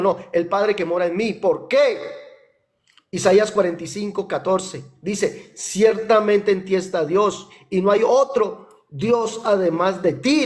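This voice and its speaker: A man in a heated religious debate who quotes scripture, repeats his points and accuses the other side. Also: high-pitched. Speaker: debater challenging a pastor.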